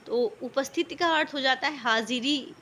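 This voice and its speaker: A woman's voice: sits high, moderate pace, a bit bright, a little hiss or hum. A woman teaching a vocabulary lesson, patiently explaining one word after another.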